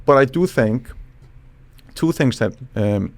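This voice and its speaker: A man from Iceland, a psychologist guest on a podcast, explaining in a thoughtful, halting way with frequent restarts. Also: mid-range voice, lively intonation. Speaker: psychologist and charisma expert guest. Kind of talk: casual podcast interview.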